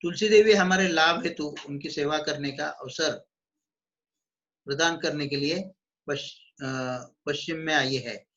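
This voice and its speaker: A man's voice: fairly high pitch, fairly bright tone, highs cut off. Man reading devotional text aloud. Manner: reads slowly, then re-explains in his own words with restarts; chants Sanskrit verses in a slow measured recitation. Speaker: devotional book reader and teacher. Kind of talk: devotional book reading with commentary.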